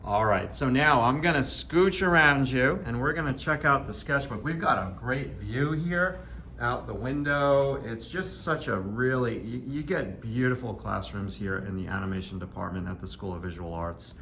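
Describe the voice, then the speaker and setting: A man's voice: medium pitch, normal speed, vocal fry, bright, forceful tone, a little hiss or hum. A man hosting a casual interview in a classroom as art teacher, gushing with praise. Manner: enthusiastic, effusive praise. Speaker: art teacher and video host. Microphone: handheld camera, no tripod.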